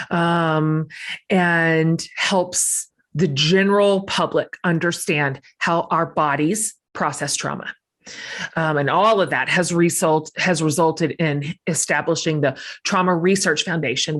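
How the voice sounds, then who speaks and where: A middle-aged woman hosts a podcast in an effusive, gushing way, often restarting sentences and padding them with fillers. Her voice sits a little low for a woman. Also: a bit bright. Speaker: podcast host. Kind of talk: warm podcast introduction and interview.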